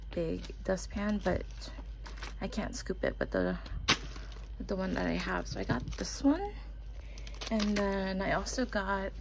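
A woman's voice: medium pitch, vocal fry, very noisy. A woman vlogger chatting casually at home while showing off her purchases to the camera. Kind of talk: casual vlog chat. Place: home, indoors.

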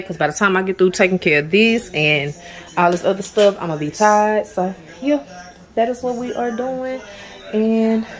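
A woman in her thirties rambles relaxedly in a home vlog as she cleans and organizes her kitchen, often saying "so yeah." Her voice is fairly low, picked up by a tripod camera across the room.

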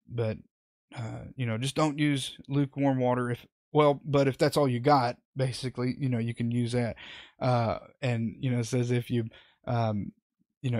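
A man's voice: mid-range voice, darkish tone, dry recording. A man hosting a live, unscripted Bible study, rambling with many fillers and restarts as he comments on scripture.

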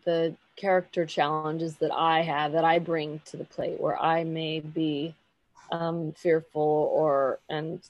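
Low, flat, slow-speaking woman. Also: no room sound, muffled recording. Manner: slow, hesitant and reflective. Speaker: participant. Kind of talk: personal sharing in a group.

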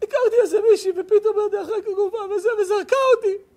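A man's voice: very high-pitched, steady tone, dark tone, voice pushed up. A man voicing a heartbroken teenage boy who is crying after being dumped. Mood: tearful.

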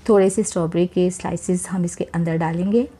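A fairly low, breathy female voice with fairly even intonation moves fairly quickly through a cooking-channel recipe, heard only in voice-over. She's warm and chatty, speaks to viewers with encouragement, and repeats religious blessings as she cooks.

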